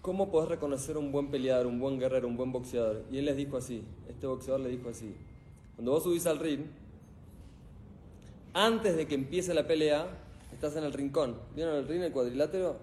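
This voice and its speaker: A man's voice: mid-range voice, brisk, slight background noise. A middle-aged man with an Argentine accent gives a live motivational talk in a hall without a microphone. He tells stories with energy and keeps asking the audience questions. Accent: Argentine Spanish. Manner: animated storyteller who quizzes the audience. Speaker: motivational speaker. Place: event hall full of people. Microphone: speaking without a microphone.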